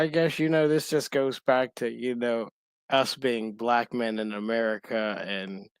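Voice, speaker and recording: A man co-hosting a podcast in casual chat, rambling and halting with many restarts and fillers. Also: mid-range voice, a bit bright, dry recording. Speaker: podcast co-host.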